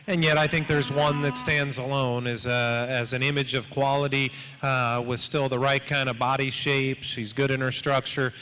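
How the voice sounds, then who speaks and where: A man giving measured, explanatory spoken commentary to an audience as a livestock show judge. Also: medium pitch, level tone, pushed and bright, faint music behind. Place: large indoor show arena. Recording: echoing hall over PA, background noise.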